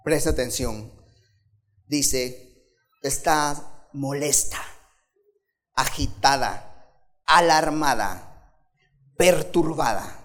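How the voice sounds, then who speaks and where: A man preaching a sermon, talking expressively and asking his listeners rhetorical questions. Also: on the high side.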